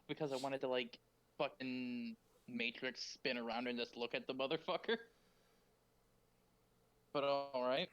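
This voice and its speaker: A man's voice: medium pitch, fairly even intonation, a little slow, pauses often, a bit bright, muffled recording. A man playing a tabletop game, bantering casually and swearing freely.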